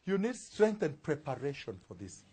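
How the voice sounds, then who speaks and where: Husky, high, animated preacher. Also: male voice, moderate pace. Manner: animated, laughing asides, rising to loud emphatic peaks. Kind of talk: sermon.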